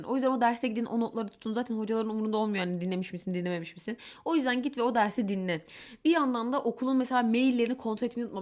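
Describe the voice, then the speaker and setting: A young woman telling stories in a casual vlog, candid and chatty, with exasperated asides and quick mimicry of the people she quotes. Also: fairly high pitch. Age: young adult. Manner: quotes others in mimicking voices. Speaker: vlogger.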